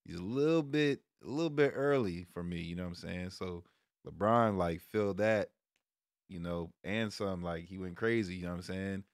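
An American streamer and sports vlogger in his thirties talks sports to camera at normal speed in a voice that sits low, his style easygoing and slangy. He's indoors in a small home room, wearing a headset at a close stand microphone, and the audio is clean studio sound with no echo.

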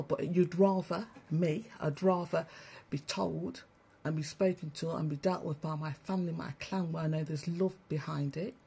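Swearing as she rants, this woman preaches a blunt spiritual message to an audience she addresses as family during a livestream broadcast. She speaks with a fairly low, warm pitch, some vocal fry and a breathy edge.

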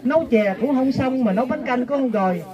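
A man's voice: very high-pitched, a little fast, muffled recording. A man with a Southern Vietnamese accent telling folk jokes to a pilgrimage group, acting out the characters' lines. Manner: lively, acts out the characters' lines. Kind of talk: folk joke storytelling to a group. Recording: crowd murmur behind the voice.

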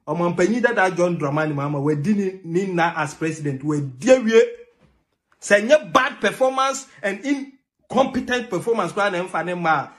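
A young man with a Ghanaian accent giving emphatic political commentary to camera from a small room, mixing English and Twi. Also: sits high. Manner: emphatic, mixes English and Twi, laughs mid-rant. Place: small indoor room with a TV behind.

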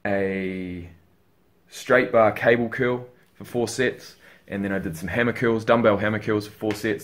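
A tired young man chatting casually in a home vlog, rambling and swearing as he talks to a webcam in his bedroom. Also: lowish voice. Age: young adult. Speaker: fitness vlogger.

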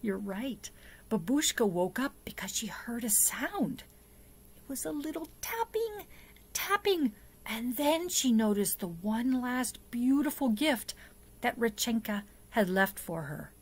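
Speaking at a fairly high pitch with a slightly rough, very animated voice, a middle-aged woman reads and talks through a picture book for young children. She's a storyteller for a church children's program in a small indoor setup before a plain backdrop, and she's deliberate, asks the listener questions, and leans on dramatic hushes and emphasis.

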